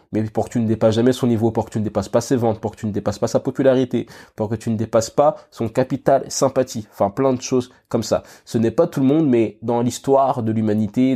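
Here the solo podcast host, fairly low-pitched and warm, has a cold and keeps sniffling. His casual, think-aloud delivery is packed with fillers and restarts, and he speaks right to his audience, saying "tu vois".

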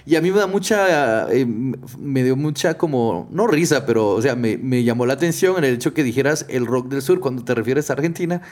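Man host, mid-pitched, talkative, keeps checking the listener follows. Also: expressive, fairly quick, hardly any pauses, darkish tone. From Guatemala. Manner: chatty, explaining, frequent "o sea" and "¿me entiendes?". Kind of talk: casual chat.

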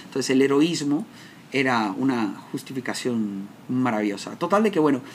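A man's voice: mid-range voice, animated, normal speed, a little hiss or hum. A man from Guatemala with a Guatemalan accent, telling his life story in an emotional, dramatic way, often breaking off and restarting. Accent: Guatemalan Spanish. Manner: emotional, self-interrupting, dramatic retelling. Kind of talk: personal storytelling talk.

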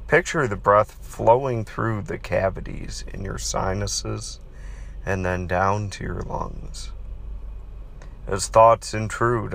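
A man leading a guided meditation, reading aloud in a calm, soothing, unhurried way. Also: fairly low pitch, creaky, a little hiss or hum. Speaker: podcast host and counselor leading guided meditation.

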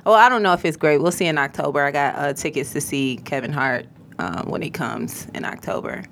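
A woman's voice: sits low, animated, brisk, gravelly, a little hiss or hum. A woman with a Detroit-area American accent co-hosting a podcast in casual, teasing, blunt banter. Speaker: podcast co-host. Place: podcast studio.

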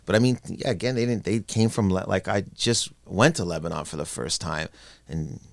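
Low gravelly man telling animated stories. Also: moderate pace, no room sound, clean studio sound. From Canada. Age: 40s. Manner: animated storyteller who acts out family members' lines. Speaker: guest comedian. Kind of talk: casual podcast conversation.

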